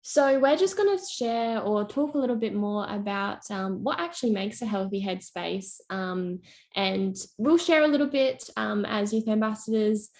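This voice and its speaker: A young woman presents a youth mental health workshop. She explains things in an encouraging way, with ordinary fillers. Her voice has a mid pitch. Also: moderate pace, darkish tone.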